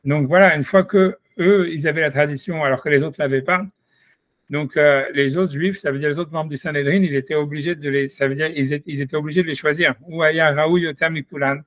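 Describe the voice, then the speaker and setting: Guy teaching talmud off the cuff, bit higher voice, dry close sound, lots of stops and restarts. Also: fairly even intonation, fairly bright tone, no room sound. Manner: halting, thinking aloud with many restarts. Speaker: Torah study teacher. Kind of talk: informal Talmud lesson.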